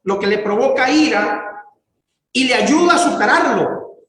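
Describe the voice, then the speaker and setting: Preacher in a booming echoey hall. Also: male voice, lively intonation, a bit bright. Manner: fervent preaching that builds to raised, drawn-out exclamations. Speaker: pastor. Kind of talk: sermon.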